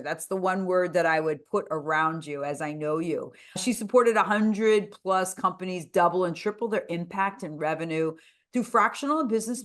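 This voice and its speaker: A woman hosting an interview podcast, talking in an upbeat, gushing way. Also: lowish voice. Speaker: podcast host.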